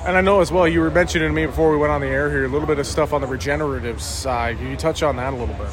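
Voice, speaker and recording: A man's voice: fairly high pitch, racing, crowd noise. A man conducting a conversational, polite broadcast interview on location at a farm show. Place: outdoors at a busy farm trade show.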